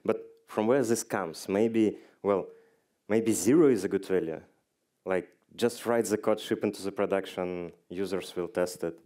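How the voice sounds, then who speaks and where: On a conference hall stage, a man with a deep, dark-toned voice gives a talk without hurrying. He delivers dry jokes and quizzes the audience as he goes.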